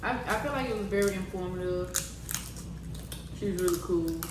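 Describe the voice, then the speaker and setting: A woman's voice: fairly low pitch, moderate pace. An American woman chatting casually while she eats, slangy and often agreeing with mm-hmms. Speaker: mukbang vlogger. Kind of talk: casual chat while eating. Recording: roomy, distant mic, clear background noise.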